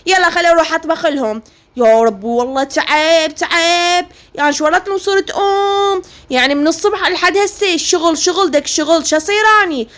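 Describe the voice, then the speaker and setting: Quick, high-voiced Iraqi woman. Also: a bit bright. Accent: Iraqi Arabic. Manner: chatty, complaining, storytelling. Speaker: gaming creator. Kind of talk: game role-play narration.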